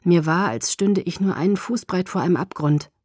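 A woman narrating a novel in the first person, softly, often near a whisper. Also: on the low side, normal speed, dry recording, studio quality. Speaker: audiobook narrator.

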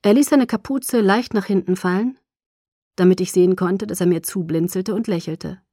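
A woman narrates a first-person audiobook in a measured, low-key way. Her voice is dark and mellow, and the recording is dry and close with no room sound. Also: dry recording.

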